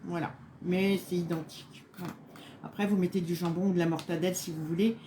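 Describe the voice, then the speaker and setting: A woman's voice: fairly low pitch, fairly even intonation, brisk, mellow, slight background noise. A woman presenting a recipe in a casual live cooking chat, rambling with many fillers, tired and on edge after a bad night. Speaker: home cook presenting a recipe.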